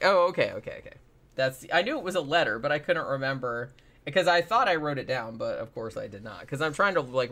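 A man's voice: medium pitch, gravelly, fairly bright tone. A man casually retelling a paranormal TV episode as a podcast host, rambling with lots of fillers and swearing.

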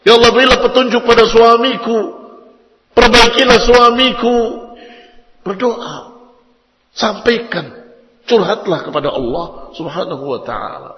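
A man preaching a sermon to married women, lively and emphatic, sometimes chanting Arabic passages in a sung tone. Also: high voice, a little slow, pauses often, a little hiss or hum. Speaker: Islamic preacher. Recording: echoey hall reverb.

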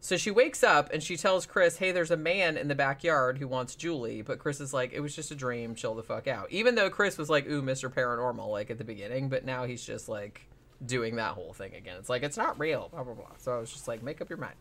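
A man's voice: medium pitch, a little fast, fairly bright tone. A man casually retelling a paranormal TV episode as a podcast host, rambling with lots of fillers and swearing.

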